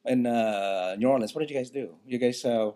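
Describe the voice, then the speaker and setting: A man's voice: mid-range voice, normal speed, mellow. A man hosting a casual group podcast, giggly and rambling as he chats. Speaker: podcast host.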